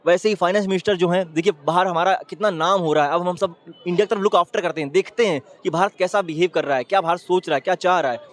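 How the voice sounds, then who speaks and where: A man with a high voice makes his case in a street opinion interview. He talks fast and emphatically, piling point on point, and keeps urging the listener to look. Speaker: interviewee giving public opinion.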